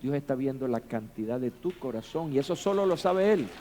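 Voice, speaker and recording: A man preaching a sermon as pastor, building to shouted emphasis and rhetorical questions. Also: medium pitch, animated, brisk, a little hiss or hum.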